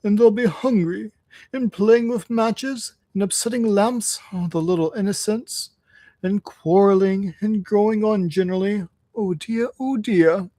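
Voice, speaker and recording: High-pitched tearful washerwoman played by a man, storybook toad in disguise, wailing, pleading, self-pitying. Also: measured pace, mellow, no room sound. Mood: sobbing self-pity. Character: sobbing toad posing as a poor old washerwoman.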